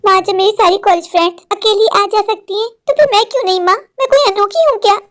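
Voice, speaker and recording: A woman with an extremely high, brisk voice plays a stubborn modern college girl in a Hindi cartoon. Her character pleads and argues with her mother, repeating "maa."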